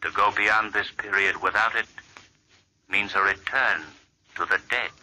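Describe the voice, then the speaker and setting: The Shadow, a commanding invisible phantom of a 1940s radio drama. His voice is low and forcefully sharp, and he speaks in a measured, deliberate calm that carries menace. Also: poor audio.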